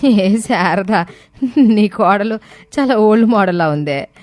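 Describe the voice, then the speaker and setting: A woman's voice: medium pitch, unhurried, darkish tone, close to an everyday voice. A woman voicing a snobbish middle-aged city woman in a cartoon, sneering and sprinkling in English words. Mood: mocking.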